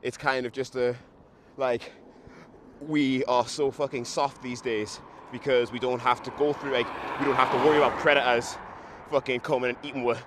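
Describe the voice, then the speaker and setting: A man's voice: mid-range voice, little pitch movement, normal speed. A young man, hungover and still a bit tipsy, talking bluntly and swearing freely in a casual, self-mocking monologue as he walks. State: hungover, still a bit drunk after a run. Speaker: podcaster. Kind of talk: casual walking monologue to camera. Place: outdoors, walking along a street. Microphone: handheld microphone and camera. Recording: noisy outdoor recording with traffic.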